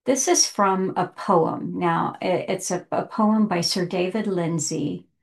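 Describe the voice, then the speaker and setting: Middle-aged woman host, casual book talk, slow and gravelly, corrects herself often. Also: fairly low pitch. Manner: chatty, self-correcting, careful reading aloud.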